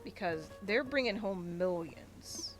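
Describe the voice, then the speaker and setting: A woman streamer rants in a casual, rambling way while she plays, piling on filler words and restarting her sentences. Her voice sits at an ordinary middle pitch for a woman. Soft game music plays quietly underneath. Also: lively intonation, takes it slowly. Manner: rambling, ranty, many filler likes. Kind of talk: casual gaming livestream commentary.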